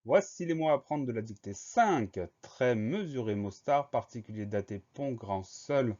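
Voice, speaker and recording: A man teaching a spelling lesson to children, calmly spelling each word letter by letter. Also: mid-range voice. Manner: slow, spells words letter by letter. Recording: dull lo-fi voice-over.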